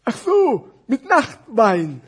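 Man doing a storybook scarf gift, squeaky very high voice, naive, curious, slow-witted, mixes up words. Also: huge pitch swings, breathy edge, full character voice. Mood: puzzled.

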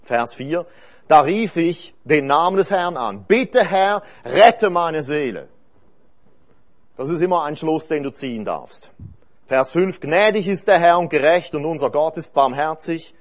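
A man's voice: fairly high pitch, lively intonation, a little slow. A man preaching a sermon with earnest, emphatic delivery, reading scripture verses aloud and repeating phrases for stress.

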